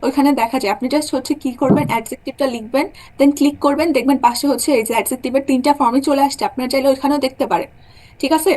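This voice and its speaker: A woman's voice: high-pitched, steady tone, racing, darkish tone. A young woman teaching a German class, explaining rules step by step and often checking that her students follow. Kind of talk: online class lecture.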